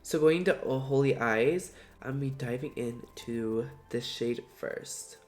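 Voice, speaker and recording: A man's voice: medium pitch, a little slow. Male beauty vlogger, head cold, nasal, gushing and slangy, faint music underneath. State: stuffed-up, nasal. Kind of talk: makeup review vlog.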